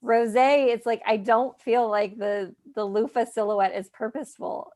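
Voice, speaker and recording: A woman on a recap panel, giving measured, analytical critique. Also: a little high, fairly even intonation, a little mellow. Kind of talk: casual recap chat.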